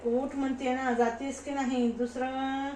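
A proud, harsh queen giving curt, rude orders, as a woman reads her lines aloud. The voice is fairly high and holds a flat pitch. The room echoes, with a faint hiss underneath. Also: unhurried, distant mic. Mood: contemptuous. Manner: rude and commanding.

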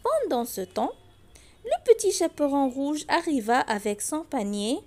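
Slow, expressive woman reading a fairy tale. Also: high-pitched. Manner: expressive, sing-song, deliberate. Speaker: storyteller. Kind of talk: scripted storybook narration.

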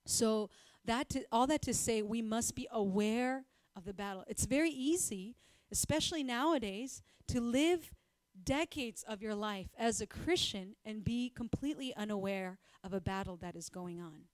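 A woman's voice: on the high side, normal speed, no room sound. Woman teaching at a church fellowship. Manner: conversational, with frequent ums and uhs. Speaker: Bible teacher. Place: church prayer-house gathering.

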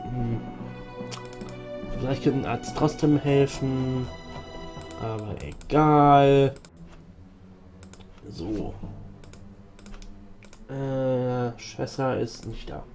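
A man's voice: medium pitch, very slow, long pauses, darkish tone, faint music behind. A man with a German accent streaming a video game, reading its dialogue aloud and muttering comments to himself in a casual let's-play style.

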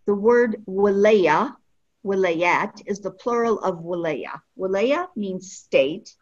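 Patient woman language teacher, slightly breathy voice with a lively pitch, on a dull lo-fi recording. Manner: slow, patient, repeats each phrase for learners. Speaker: Arabic teacher. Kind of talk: online language lesson.

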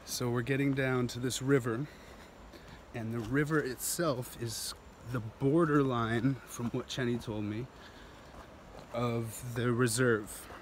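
Filming himself on a phone at arm's length, a vlogger in his thirties hikes down a steep jungle trail and chats with rambling enthusiasm, laughing often. His mid-range voice keeps a steady tone and a slow pace, with slight background noise.

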